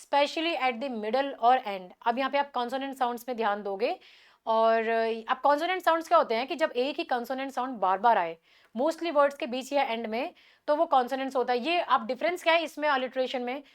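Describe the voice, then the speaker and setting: A woman with an Indian accent and a high voice gives an exam-prep lecture on literary devices. She explains in a Hindi and English mix and slows down to read each English example aloud. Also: clean tone.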